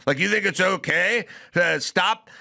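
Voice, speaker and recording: A man's voice: high voice, unhurried, gravelly, pushed and bright. A middle-aged man hosting a podcast, delivering an opinionated comedic rant and acting out both sides of imagined exchanges. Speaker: podcast host.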